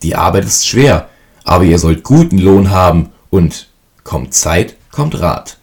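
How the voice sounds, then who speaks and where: A man reading a storybook and voicing a stern but kindly old official who speaks in a formal, measured way. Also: low voice, animated, gravelly, darkish tone, exaggerated voice.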